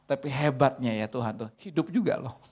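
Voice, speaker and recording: A woman in her forties, a pastor giving a lively sermon in a conversational, way, acting out quoted dialogue. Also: a bass voice, a little fast, breathy edge. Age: 40s.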